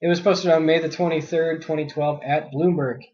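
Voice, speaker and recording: Male news podcast host, fairly high voice, indignant and filler-heavy, slightly sick and coughing, dull lo-fi sound. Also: fairly even intonation, moderate pace, darkish tone. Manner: indignant, reads articles aloud then rants, many uh fillers. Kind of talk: solo news commentary podcast.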